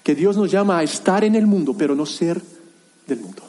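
A man pastor preaching a sermon in an earnest, halting way, with many pauses and restarts. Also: on the high side, lively intonation, dark tone. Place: church hall.

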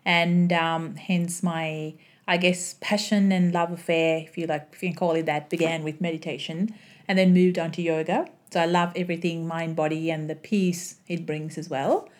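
A woman in her thirties from Sri Lanka, a yoga and Pilates teacher, answering interview questions in a warm, thoughtful way with many pauses. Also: on the low side, fairly even intonation. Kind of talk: casual interview chat.

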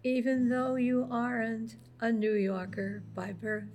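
A woman's voice: a little high, flat delivery, takes it slowly, darkish tone, slight background noise. A woman improvising the part of an ambitious New York businesswoman in a family musical, with a dry, unimpressed manner. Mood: chummy.

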